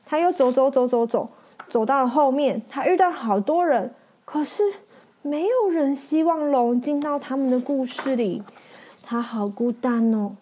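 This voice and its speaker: Animated woman reading a picture book aloud. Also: sits high, normal speed, husky. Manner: animated, with sound effects and questions to the listener. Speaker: storyteller.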